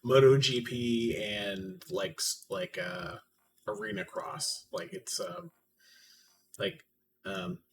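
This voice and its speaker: A man's voice: mid-range voice, sing-song, takes it slowly, creaky, recorded from a distance, noisy background. A man acting as game master, narrating a tabletop game casually with many fillers and restarts.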